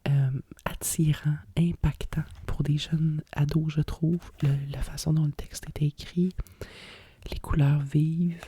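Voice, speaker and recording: A middle-aged woman with a Quebec French accent whispers softly and breathily in a nostalgic, rambling ASMR style, like a hushed library whisper. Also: sits low, flat delivery, a little slow, husky, no echo. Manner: hushed, nostalgic rambling with frequent conversational tags. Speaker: ASMR host. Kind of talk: whispered ASMR chat about vintage books.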